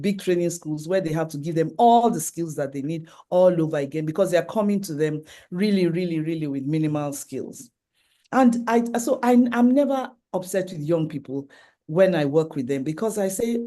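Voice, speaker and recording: With a Nigerian accent and a mellow, dark, middle-range voice, a middle-aged conference speaker talks expressively at normal speed through a slide presentation. He goes earnestly through lists of points, sometimes restarting sentences.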